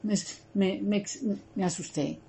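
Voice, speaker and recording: A woman leads a Bible study in a mellow, warm voice, earnest and conversational. She repeats phrases for emphasis and keeps turning to talk straight to her listeners. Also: medium pitch, slow, creaky. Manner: earnest, repetitive, addresses listeners directly.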